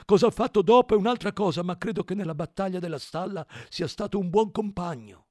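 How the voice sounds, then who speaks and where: A man voicing a big, slow-witted and loyal male workhorse who speaks earnestly. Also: high-pitched, a little mellow, no echo, clean studio sound, voice pushed up, lightly acted.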